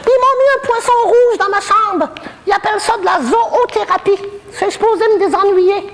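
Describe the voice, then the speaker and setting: A woman's voice: very high voice, normal speed, in a large hall. A woman with a Québécois accent playing a cheeky, bawdy old woman in a retirement home, in a stand-up comedy character monologue full of saucy, gossipy, self-mocking jokes. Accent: Québécois French.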